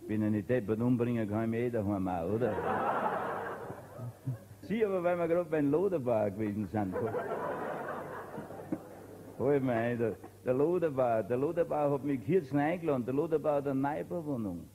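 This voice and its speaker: A man's voice: mid-range voice, normal speed, long pauses, background noise. A man with an Upper Austrian accent telling dialect jokes in a stand-up monologue, stammering on words and acting out quoted exchanges. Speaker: comedian. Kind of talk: stand-up folk comedy monologue.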